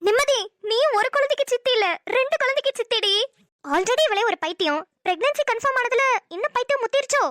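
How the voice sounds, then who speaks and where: A woman voicing a lively, bold, teasing young woman in a cartoon, brash and playful. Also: very high voice, pitched above the performer's own voice. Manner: playful, brash, quick with jokes. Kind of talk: cartoon voice acting.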